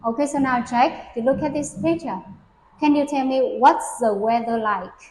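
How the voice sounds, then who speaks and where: Her high voice is slightly mellow and moves at a moderate pace, with some background noise and room echo. She tests a young child's spoken English, asking easy questions patiently and offering full sentences as models to repeat.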